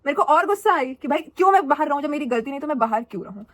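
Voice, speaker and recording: A young adult woman telling a school story in a chatty, animated and dramatic way for her vlog. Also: high-pitched, racing. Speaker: vlogger.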